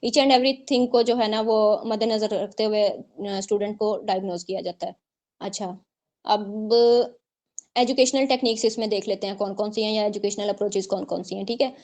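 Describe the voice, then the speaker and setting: A woman's voice: medium pitch, fairly even intonation, normal speed, darkish tone. A woman teacher, explaining points and checking in often with her online students. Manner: explanatory, repeats points with frequent "theek hai" checks. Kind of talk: online exam-prep lecture.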